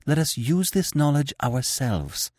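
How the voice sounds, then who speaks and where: A man's voice: fairly high pitch, big pitch swings, a little slow, a little mellow, dry recording, studio quality, voice pushed up. A man playing a fierce, scheming young woman. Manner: breathless, urgent pleading.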